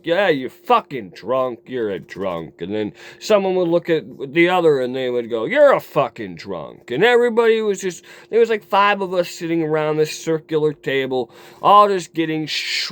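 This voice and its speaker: A man telling a raw personal story to his camera in a rambling, profane way, dropping low and quiet, then flaring into heated outbursts. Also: smooth. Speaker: vlogger. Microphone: camera mic.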